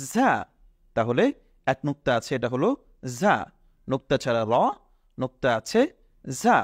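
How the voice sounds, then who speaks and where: A man's voice: on the high side, a little mellow, no echo, clean studio sound. A man teaching the Arabic letters in a patient lesson, quizzing the viewers and stressing each letter name. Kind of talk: Quran alphabet lesson.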